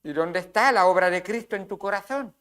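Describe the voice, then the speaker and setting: A man's voice: high voice, expressive, fairly quick, a bit bright, clean tone. A man with a Spain Spanish accent preaching a sermon as pastor, emphatic, with rhetorical questions and acted asides.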